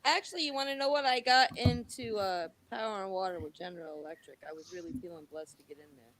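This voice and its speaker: A woman's voice: mid-range voice, fast talker, crowd noise. A woman in her late forties chatting casually on a live stream, talking openly about her work and signing off with blessings. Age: 40s. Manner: open and talkative, warm sign-off with blessings. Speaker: guest caller. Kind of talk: casual chat.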